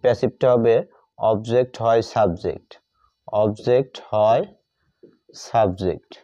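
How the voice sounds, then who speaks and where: The grammar lesson continues with the same Bengali-accented teacher repeating phrases and spelling out the words he writes down. His mellow voice sits low and moves at a measured pace. The audio is lo-fi and dull, with no room sound.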